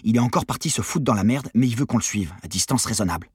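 A man reading an audiobook, voicing a bold, sharp-tongued teenage girl with mocking quick retorts. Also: medium pitch, expressive, husky, no echo, clean studio sound. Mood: cheeky.

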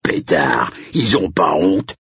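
A man's voice: deep voice, very animated, slow pace, gravelly, fairly bright tone, slightly rough, dry recording, pitched above the performer's own voice, full character voice. A man voicing a blunt, slangy rural estate caretaker who swings from threatening to jovial. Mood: suspicious. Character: gruff rural male estate caretaker, jumpy then jovial. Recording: dull lo-fi recording.

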